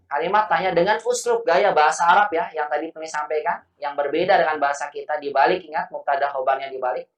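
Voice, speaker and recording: A man's voice: a little high, fast. A man teaching a language class, patiently correcting students and explaining grammar. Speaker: Arabic teacher. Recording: echoey, distant, muffled.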